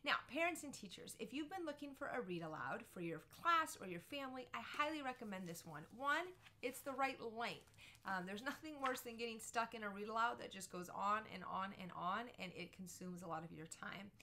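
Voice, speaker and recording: Speaking fairly quickly with lively intonation, this slightly high-voiced woman sounds bright and forceful, with a little hiss or hum in the recording. In her thirties, she runs a book review channel for parents and teachers and tells a book's story emphatically to camera from a small, furnished indoor room with bookshelves.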